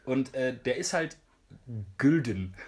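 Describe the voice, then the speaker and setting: A man's voice: medium pitch, slow pace. A man, telling a story in casual chat and saying "Alter" a lot. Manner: animated slangy storyteller, says "Alter" a lot. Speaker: podcast co-host.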